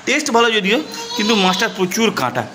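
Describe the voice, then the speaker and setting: Chatty high-voiced West Bengal dad. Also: male voice, sing-song, fast, noisy background. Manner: chatty, addresses viewers, coaxes his toddler in a high sing-song voice. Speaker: family vlogger, father. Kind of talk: casual home vlog narration. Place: at home indoors.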